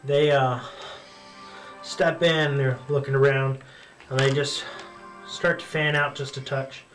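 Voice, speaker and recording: A man running a tabletop game as dungeon master, narrating in a relaxed, rambling way with many fillers. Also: mid-range voice, takes it slowly, roomy sound, distant mic, faint music behind, rough recording.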